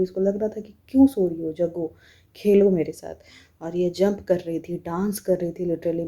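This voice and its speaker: A young woman chatting casually to the camera at home, telling everyday stories about her family in a relaxed way. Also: lowish voice. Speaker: vlogger and mother. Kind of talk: casual home vlog chat.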